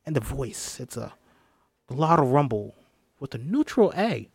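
A man's voice: medium pitch, sing-song, unhurried, creaky, darkish tone, husky, no echo, clean studio sound, heavily acted. A man voicing a bossy, encouraging acting coach in an amateur comedy script reading, instructing theatrically.

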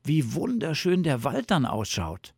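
A man's voice: on the high side, wildly swooping pitch, unhurried, creaky, darkish tone, breathy edge, no echo, studio quality, voice pushed up, exaggerated voice. A man voicing a fretful, complaining male fox in a storybook reading, in a raised, plaintive voice. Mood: dreamy.

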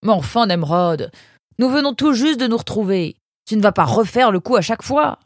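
A woman's voice: fairly high pitch, lively intonation, normal speed, darkish tone, husky, no echo, clean studio sound, pitched above the performer's own voice. A woman voicing an anxious, caring animal mother in a children's storybook. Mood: fussing.

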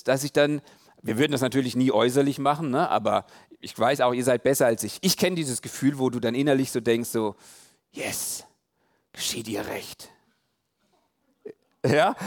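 A man giving a conversational sermon on love in marriage, animated, acting out quoted thoughts with many fillers and restarts. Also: mid-range voice.

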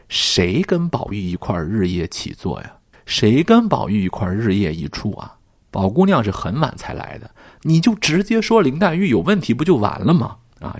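A low, husky man walks viewers through a classic novel, his pitch swinging widely as he acts out the dialogue. He talks directly to his audience, and the sound is close and dry. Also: no room sound. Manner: animated, reads quoted dialogue dramatically, talks to viewers directly. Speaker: literature commentator. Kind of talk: storytelling commentary on a classic novel.

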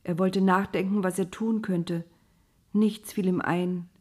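A woman reads a storybook aloud with calm, measured narration. Her voice sits somewhat low.

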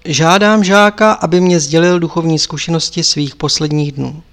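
A man's voice: a little high, steady tone, a bit bright. A man voicing a stern old lama abbot. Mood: admonishing. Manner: measured, admonishing, lecturing.

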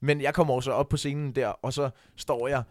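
A young man, co-hosting a podcast and telling a story with excitement, acting out the shouts he quotes. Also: medium pitch, no room sound. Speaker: podcast co-host. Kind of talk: casual chat.

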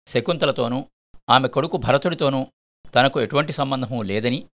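A man's voice: mid-range voice, normal speed, a bit bright. Man reading a short story.

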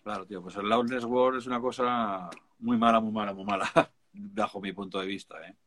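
A man's voice: fairly low pitch, fairly even intonation, moderate pace, fairly bright tone. A man with a Spain Spanish accent, a music producer chatting casually, emphatic and full of slang. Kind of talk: casual chat.

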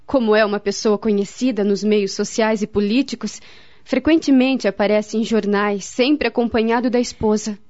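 In a dull, lo-fi radio drama recording, an actress with a Brazilian accent plays a grave, devout woman friend who counsels someone and recalls a family tragedy. Her natural, darkish voice sits at medium pitch with fairly even intonation and a moderate pace. She speaks solemnly and earnestly, her mood grave and sorrowful.

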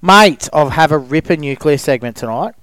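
A man's voice: fairly high pitch, lively intonation, moderate pace, fairly bright tone, clean tone, no room sound. An Australian man co-hosting a footy show, chatting casually in a laid-back, matey way with plenty of local slang. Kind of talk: casual sports banter.

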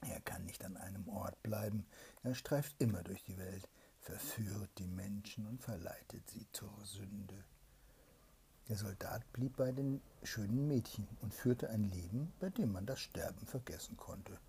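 A woman reading a fairy tale aloud to her child in a raspy, hushed whisper. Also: a bass voice, a little hiss or hum. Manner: hushed, slow, soothing reading. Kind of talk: whispered bedtime story reading.

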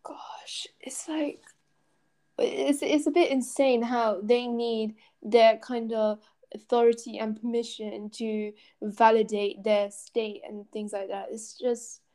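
Higher-voiced woman, hesitant co-host. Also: steady tone, unhurried, warm tone. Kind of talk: casual discussion.

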